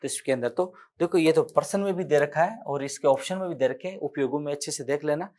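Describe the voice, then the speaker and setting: A man's voice: a little high, fast, darkish tone. A man with a Rajasthani accent teaching an exam-prep chemistry lecture, explaining step by step, counting aloud and correcting himself as he writes on the board.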